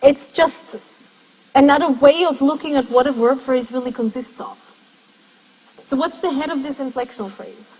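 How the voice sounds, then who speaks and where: Her high voice has a darkish tone, moving at normal speed with frequent pauses. This university lecturer takes the class through the topic step by step and puts questions to them, with a long lecture-hall echo around her.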